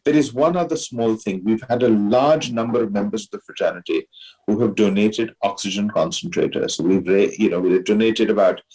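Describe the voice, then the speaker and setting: Interview guest: male, posh educated Indian accent, husky lower register, deliberate explanatory delivery. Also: darkish tone, poor audio. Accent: educated, posh Indian English. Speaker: interview guest, alumni society president. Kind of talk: measured explanatory interview answers.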